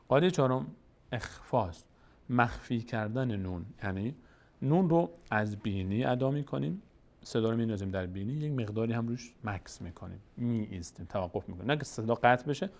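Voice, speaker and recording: Patient Tajik man teaching Quran reading. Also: medium pitch. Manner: patient, explains slowly and repeats syllables aloud. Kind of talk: step-by-step tutorial.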